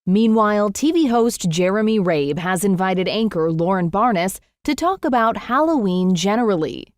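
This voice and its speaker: A woman's voice: mid-range voice, expressive, normal speed, no echo, clean studio sound. A woman reading scripted narration.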